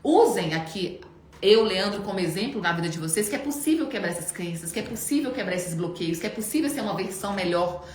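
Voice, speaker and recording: Animated woman host in her thirties, fast and lively, echoey room. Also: medium pitch. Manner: animated storytelling. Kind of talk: casual chat. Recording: echoey room, faint background noise.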